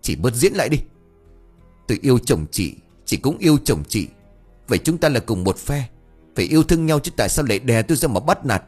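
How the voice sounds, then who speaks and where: A man voicing a young second wife who is calm but firm and answers back curtly. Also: mid-range voice, a little fast, breathy edge, pitched above the performer's own voice. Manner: sharp, curt comebacks. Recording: faint background music.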